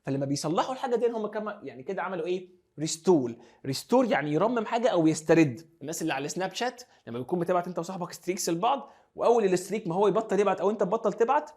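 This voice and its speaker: A man's voice: sits high, darkish tone. A young man with an Egyptian Arabic accent teaching English vocabulary, mixing Arabic and English and drilling pronunciation. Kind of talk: classroom lesson explanation.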